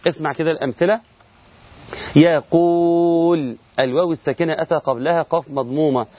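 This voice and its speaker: A man's voice: on the high side, steady tone, brisk, no echo, lo-fi sound. A middle-aged man with an Egyptian Arabic accent teaching Quran recitation rules in a recorded lesson, explaining step by step, asking and answering his own questions and drawing out sample words.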